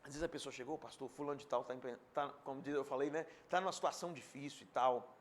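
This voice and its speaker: A man preaching a sermon as pastor, swinging between loud emphasis and hushed asides, and acting out imagined people in quotes. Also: mid-range voice, fast, a little hiss or hum. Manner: acts out imagined speakers in direct quotes.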